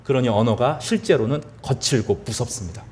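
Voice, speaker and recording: A man's voice: medium pitch, a little fast, a little mellow. A male pastor giving a sermon, asking the congregation questions and answering them himself, repeating words for emphasis.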